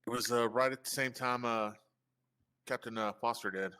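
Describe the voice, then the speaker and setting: A man's voice: medium pitch, fairly even intonation, normal speed, bright, forceful tone, smooth. A man testifying as a witness in a roleplay court, giving short, terse answers while his voice chat cuts out over a bad connection. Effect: voice chat cutting out over a bad connection.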